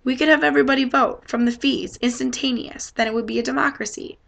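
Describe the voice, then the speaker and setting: A woman with a fairly high voice reads a novel passage aloud. Her voice carries a gravelly vocal fry. The reading is plain and unhurried, and she shifts easily into relaxed comments on what she read. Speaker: student reader.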